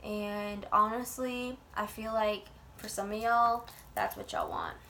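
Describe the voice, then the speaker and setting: A woman gives an informal tarot reading in a bright, mid-pitched voice. She speaks bluntly and colloquially, as if chatting, and swears freely. There is some noise behind her. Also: wildly swooping pitch, slow. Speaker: tarot reader.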